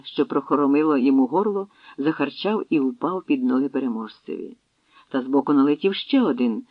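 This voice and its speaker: A man's voice: on the high side, no echo, muffled recording. A man reading a historical adventure audiobook aloud in dramatic storytelling style. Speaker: audiobook narrator. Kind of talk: scripted narration.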